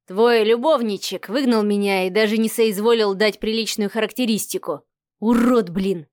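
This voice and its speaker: A woman's voice: medium pitch, normal speed, darkish tone, dry recording, natural voice. Female narrator plays a sarcastic young man in an audiobook, crude and sneering, dry close sound. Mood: bitter. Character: sarcastic bitter young man, taxi driver.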